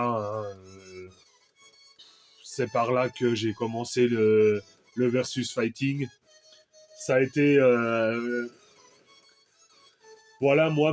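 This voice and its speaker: A French man chatting casually about an old video game, rambling with many fillers and restarts. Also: medium pitch. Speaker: retro game collector vlogger. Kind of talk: casual chat.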